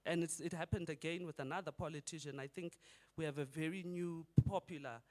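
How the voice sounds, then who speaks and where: A man's voice: fairly high pitch, fairly even intonation, fairly quick. A middle-aged man from Zimbabwe giving a conversational conference talk and putting rhetorical questions to the audience. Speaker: conference speaker.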